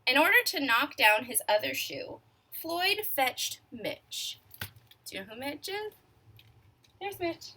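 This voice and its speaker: This high-voiced woman reads a picture book to children slowly and with plenty of expression, breaking off to put questions to her young listeners. At tense moments she drops to a hush, and a slight hiss or hum sits under the recording.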